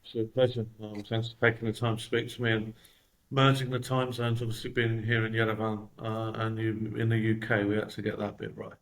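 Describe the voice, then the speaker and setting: Speaking with a London accent, a CEO reflects openly on interview questions, leaning often on "um" and "you know." He talks a little fast in a level tone, his pitch on the low side, and the audio is of low quality.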